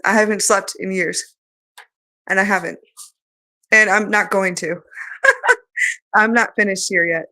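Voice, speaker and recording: A spiritual channeler, a woman, chants in light language, letting flowing rhythmic syllables alternate with casual remarks. Her medium-pitched voice is slow and fairly even in intonation, with long pauses, sounding pushed, bright, changed, and strained.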